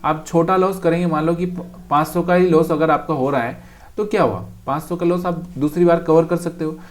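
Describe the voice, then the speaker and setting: A man's voice: on the high side, steady tone, fairly quick, slight background noise. A man teaches trading over a chart in a casual, direct way, calling the viewer brother. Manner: talks straight to the viewer, calls them brother.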